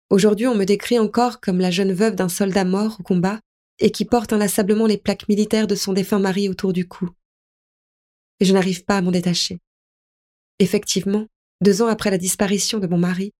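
A woman narrating a first-person audiobook in a soft, tender, melancholy way. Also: lowish voice.

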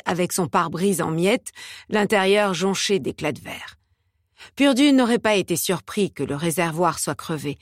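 A woman narrating an audiobook in a measured, steady reading style. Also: lowish voice, no room sound, clean studio sound.

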